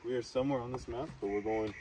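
A man's voice: medium pitch, steady tone, very fast. A young man in his twenties, the vlogger's boyfriend, chatting in a dry, matter-of-fact way. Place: car interior and forest trail. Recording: loud ambient and car noise.

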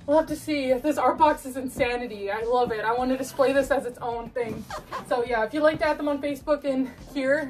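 A woman's voice: high-pitched, distant mic. A young woman casually chatting through an unboxing, gushing and laughing, a bit out of breath as she struggles with the box. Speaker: collectibles unboxing vlogger.

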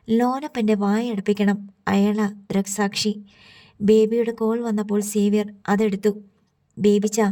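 A woman narrates a novel for an audiobook in a warm, mellow voice. Her pitch stays flat and even, and she reads the characters' lines in her own voice with a steady storytelling delivery.

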